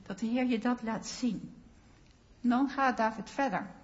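A woman preaching a sermon in a slow, earnest way, pressing on key phrases. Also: fairly high pitch, highs cut off, a little hiss or hum.

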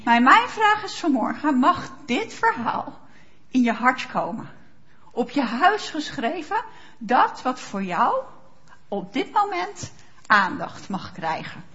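High, lively woman preaching slowly. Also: lo-fi sound. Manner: emphatic, asks rhetorical questions. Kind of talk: sermon with Bible reading.

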